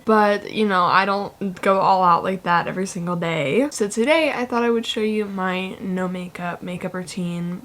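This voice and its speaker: Chatty young woman vlogger. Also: medium pitch. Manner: chatty, filler-heavy, breezy. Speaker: beauty vlogger. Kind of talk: casual makeup tutorial chat.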